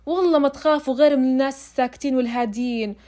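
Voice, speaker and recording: A woman voicing a sanctimonious middle-aged female school administrator who mocks and scolds loudly. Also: sits high, racing, close to an everyday voice. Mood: mocking. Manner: preachy, mocking, loud.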